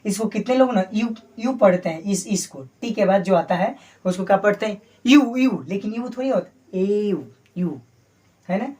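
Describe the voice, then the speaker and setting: A man's voice: high voice, moderate pace, a little mellow. Man, English teacher, spoken English lesson, repetitive drilling, call-and-response, rhetorical questions. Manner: drills letters by repeating them, call-and-response; firm, coaxing classroom tone with rhetorical questions.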